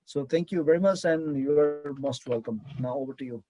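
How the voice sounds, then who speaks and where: A man's voice: on the high side, a little fast, warm tone, faint music behind, low-quality recording. A man chairing an online academic panel, speaking hesitantly with many fillers and restarts over a video call. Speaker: session chair.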